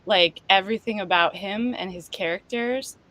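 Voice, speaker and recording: A woman's voice: mid-range voice, a little hiss or hum. A woman, chatting as a comedian guest in an interview, bursting with enthusiasm. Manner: excitable, quick bursts of enthusiasm. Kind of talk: casual interview chat.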